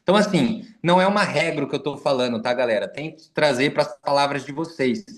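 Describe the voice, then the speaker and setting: A young man, coaching his team in an informal, slangy, animated way. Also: fairly high pitch, fast. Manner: animated, slangy, acts out quoted messages in varied voices. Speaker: wellness coach and team leader.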